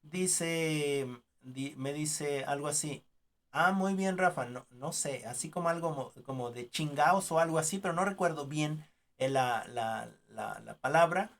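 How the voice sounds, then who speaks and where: A man's voice: a little high, measured pace, gravelly. A man with a Mexican Spanish accent teaching a graduate research class online, speaking conversationally with frequent tag questions and fillers. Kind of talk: online class, telling a personal anecdote. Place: home, remote online class. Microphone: computer mic on a video call.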